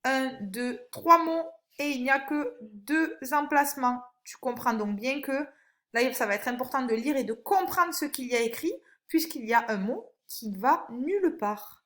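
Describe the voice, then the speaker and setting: A woman, a primary school teacher, giving a recorded phonics lesson for young children, with slow, clear and encouraging instructions. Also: sits high, a bit bright. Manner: stretches out single words when reading them aloud.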